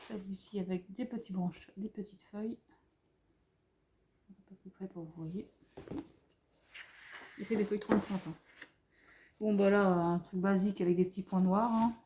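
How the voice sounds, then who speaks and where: A woman's voice: medium pitch, fairly even intonation, measured pace, long pauses, background noise. A French woman showing craft paper pads at home, chatting in a rambling, gushing way with many fillers and restarts. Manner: softly gushing over cute items. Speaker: craft vlogger showing a haul. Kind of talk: casual haul commentary. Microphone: camera on a tripod.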